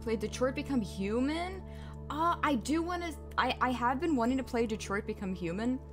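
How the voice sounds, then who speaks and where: A woman's voice: high voice, animated, moderate pace. A woman streaming a video game, chatting casually, giggling and joking to herself as she plays. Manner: chatty, giggly, self-mocking asides. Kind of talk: casual gameplay commentary. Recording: game music behind the voice. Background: game soundtrack music.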